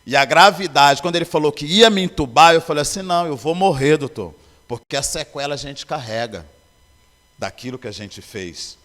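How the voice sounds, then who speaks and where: In a church sanctuary full of long hall reverb, a man shares his personal testimony in a fairly high-pitched, somewhat bright voice. He talks fairly quickly, recounting his story with sincerity and playing out the conversations.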